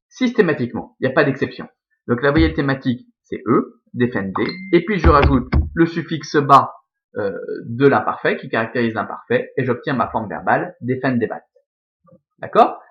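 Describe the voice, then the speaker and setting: A man's voice: medium pitch, dull audio. A man teaching a Latin grammar lesson, explaining patiently step by step and checking in with his students.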